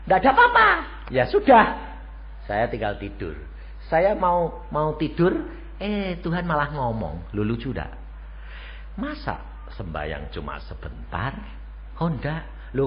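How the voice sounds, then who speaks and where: A man, preaching a sermon as an evangelist, telling stories with sudden loud highs and quiet lows. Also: dull audio, a little hiss or hum. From Indonesia. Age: 80s.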